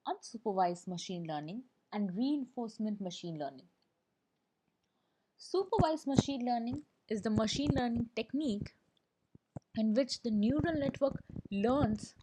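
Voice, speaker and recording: A woman with a slightly high voice narrates an explainer lesson from a script. Her delivery is steady and read-aloud. A faint hiss of background noise sits under the recording. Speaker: presenter.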